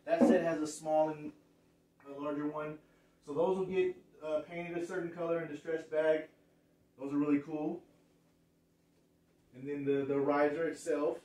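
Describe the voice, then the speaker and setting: Man, 30s, casual show-and-tell, slightly high voice, recorded far off in a roomy space. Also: level tone, moderate pace, long pauses, warm tone. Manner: rambling, restarts phrases, points out details. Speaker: thrift reseller showing a haul. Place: living room, indoors. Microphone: far camera. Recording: echoey room, far from mic.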